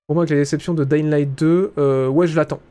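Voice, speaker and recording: A man's voice: on the high side, steady tone, quick pace, mellow. A young man with a French accent, chatting casually on a live stream, reading the chat and hesitating with many fillers.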